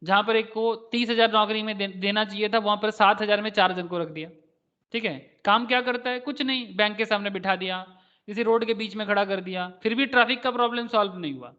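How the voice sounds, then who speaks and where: High-voiced man teaching a lo-fi class. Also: fairly quick, pushed and bright. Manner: rambling, addresses students as sir, asks rhetorical questions. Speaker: stock market teacher. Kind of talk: online class lecture. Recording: dull lo-fi audio.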